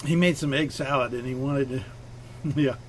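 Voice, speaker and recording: A man's voice: mid-range voice, moderate pace, slight background noise. A man hosting a live stream from his home fish room, casually explaining his fish while he works on the tanks.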